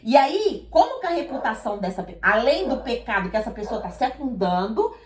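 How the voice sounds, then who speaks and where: A woman preaches with emphasis, her voice sitting a little high. She keeps checking that her listeners follow and acts out small dialogues. The sound is roomy and echoey. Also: big pitch swings, fairly quick. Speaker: preacher leading a women's prayer group. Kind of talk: sermon. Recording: echoey room.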